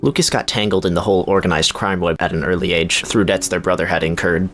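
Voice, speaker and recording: A man's voice: sits low, quick pace, fairly bright tone, faint music behind. A man giving casual let's-play commentary, chatty and giggly, reading game text aloud. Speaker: gaming YouTuber.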